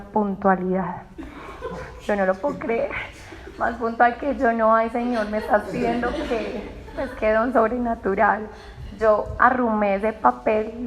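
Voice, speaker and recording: A Colombian woman tells a personal faith story with a gravelly, creaky edge to her voice. She tells it emotionally and often quotes her own past words. A faint hiss of noise sits under the recording. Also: fairly high pitch, low-quality recording. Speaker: testimony speaker.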